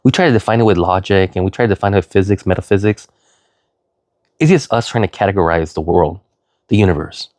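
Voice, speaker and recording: This middle-aged vlogger talks at a quick pace despite a sniffly cold, rambling earnestly with lots of fillers and "you know" and sudden loud, high bursts of emphasis. No room sound comes through; it's studio quality.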